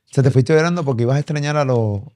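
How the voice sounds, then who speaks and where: A host leads an interview with blunt, probing questions. His man's voice is of middling pitch, and he often restates what his guest says. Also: quick pace, darkish tone. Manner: direct, pressing, sums up answers.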